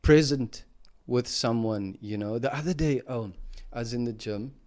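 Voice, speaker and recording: A man's voice: medium pitch, normal speed, a little mellow. A man hosting a podcast, telling a personal story in a reflective, casual way, with many fillers and restarts. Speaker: podcast host.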